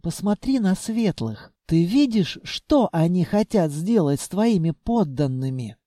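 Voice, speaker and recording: Brief: a man reading a regal female spirit of a dark castle, raised voice, imperious, storybook style. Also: sits high, lively intonation, a little slow, dry recording, clean studio sound. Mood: commanding. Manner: imperious, urging.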